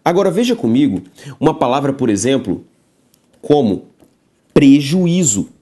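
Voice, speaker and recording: In a recorded lecture, a male grammar teacher speaks at medium pitch with a lively, swooping voice that shoots up on questions. Emphatic throughout, he repeatedly checks in with his listener and slowly splits words into syllables.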